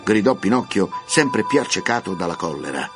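A man narrating a classic children's tale with expressive, lively storytelling intonation. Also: deep voice, moderate pace, music in the background.

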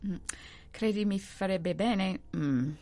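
A woman voicing a hysterical, talkative middle-aged American lady in an audiobook, shrill, dramatic and self-pitying. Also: slow, dark tone, natural voice. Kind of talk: audiobook character voice.

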